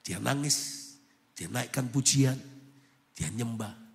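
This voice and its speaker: A man preaching a sermon, telling a story with drama, from hushed low lines up to loud shouts, in a large church hall. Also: takes it slowly, creaky. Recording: music under a long hall reverb.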